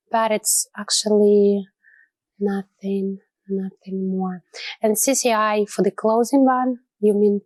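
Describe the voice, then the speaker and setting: A woman with a hoarse voice from being sick, chatting casually as she comments on her trades, her voice lower than usual. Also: a little mellow, no echo. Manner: chatty and rambling, with light laughs. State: hoarse from illness. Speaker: trading channel host. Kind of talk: casual trading commentary over a screen recording.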